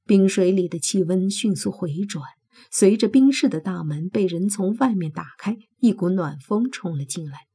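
A woman narrates a novel in the first person, telling the story in a steady, measured way. Her voice is very husky and breathy, sitting at a middle pitch. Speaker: audiobook narrator.

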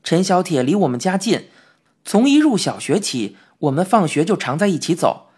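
A woman reading a children's story in the first person with a Beijing accent, lively and humorous. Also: lowish voice, normal speed, slightly rough. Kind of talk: storybook narration. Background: faint music.

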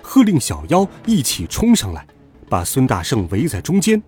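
A man narrating a storybook with a lively, dramatic reading. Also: mid-range voice, moderate pace, soft background music.

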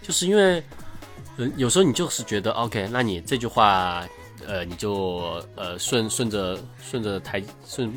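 A man hosting a podcast, chatting casually in a relaxed, rambling way that trails off quietly at the ends of his thoughts. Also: lowish voice. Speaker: podcast host. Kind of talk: casual chat.

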